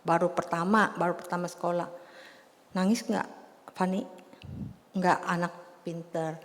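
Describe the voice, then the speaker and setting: A woman's voice: on the low side, fairly even intonation, a little slow. A woman in her fifties giving a chatty, storytelling sermon to a church congregation. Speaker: preacher. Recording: long church reverb.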